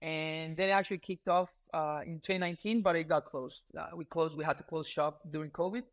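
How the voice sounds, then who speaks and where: A man's voice: on the high side, brisk. Man from Ecuador in his thirties, guest. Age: 30s. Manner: relaxed, earnest storytelling with frequent fillers. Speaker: podcast guest, startup founder. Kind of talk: casual interview talk.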